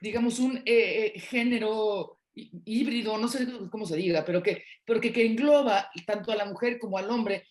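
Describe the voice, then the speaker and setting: A woman with a Mexico City accent co-hosts a casual discussion in a mid-pitched voice. She rambles a bit, pausing with fillers between her thoughts. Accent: Mexico City Spanish. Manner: rambling, hesitant with many fillers. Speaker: podcast co-host.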